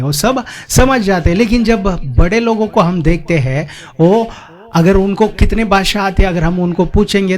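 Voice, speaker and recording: Man preaching with a lively, swinging voice. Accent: Indian. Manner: repeats rhetorical questions, rises and falls in pitch for emphasis. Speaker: pastor. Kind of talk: sermon.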